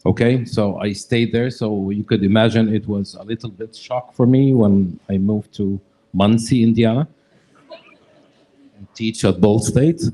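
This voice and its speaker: A man's voice: on the low side, steady tone, a little slow, warm tone, poor audio. A man from Egypt, a visiting entomologist, explaining his work in casual talk, often starting with "okay, so" and using phrasing. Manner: frequent "okay, so", non-native phrasing. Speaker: guest expert, entomologist. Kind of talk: casual talk at a discussion event.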